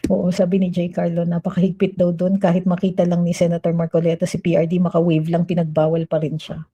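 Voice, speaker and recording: A woman's voice: fairly low pitch, monotone, fast talker, dark tone, breathy edge, muffled recording. A woman giving chatty, emphatic livestream commentary as she reads out viewer comments, mixing Tagalog and English.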